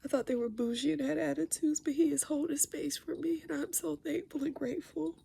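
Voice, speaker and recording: A middle-aged woman venting through tears, speaking softly in a halting, mostly whispered voice and sniffling. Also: high voice, fairly even intonation, vocal fry. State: tearful and sniffling. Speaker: vlogger venting. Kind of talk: tearful personal vent monologue.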